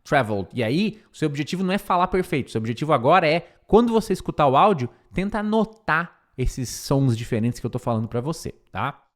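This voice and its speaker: Lively Brazilian man teaching English. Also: fairly high pitch. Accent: Brazilian Portuguese. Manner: lively, repeats English words slowly to drill pronunciation. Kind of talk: English lesson explained in Portuguese.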